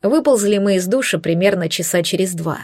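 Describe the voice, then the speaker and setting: A woman's voice: mid-range voice, expressive, fairly quick, a little mellow, no room sound, clean studio sound. A woman narrating a romance novel in the first person, in a sensual, intimate reading. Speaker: audiobook narrator.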